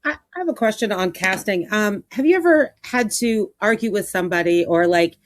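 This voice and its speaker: A woman's voice: medium pitch, animated, brisk. A woman hosting a podcast, asking curious questions in a casual, filler-heavy way. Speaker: podcast host. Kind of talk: casual interview chat.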